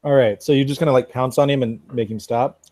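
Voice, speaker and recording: A man narrating as game master of a tabletop game, measured and relaxed, with casual fillers. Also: medium pitch, no room sound.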